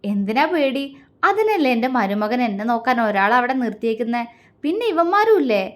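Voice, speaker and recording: A woman's voice: on the high side, fairly quick, natural voice. A woman voicing an aging father who talks in a soothing, affectionate way. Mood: playful. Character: aging father, loving and gently teasing.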